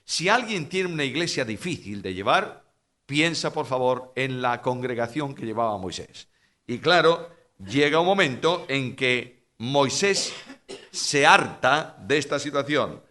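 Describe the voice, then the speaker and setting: A middle-aged man from Spain with a Spanish accent, preaching a sermon and shifting from quiet storytelling to loud, emphatic passages. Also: a little high.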